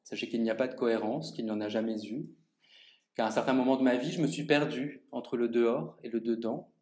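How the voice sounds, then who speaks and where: An author reads his own first-person monologue at a public literary reading in an art gallery, speaking straight to the audience in a measured, theatrical way. His voice is middle-pitched, steady and somewhat dark, and it echoes around the spacious room.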